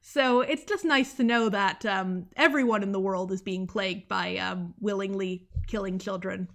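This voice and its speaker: A young American woman with a medium-pitched voice and moderate pace presents a scripted book review video essay. She's earnest and analytical but now and then drifts into sidetracks, with small laughs.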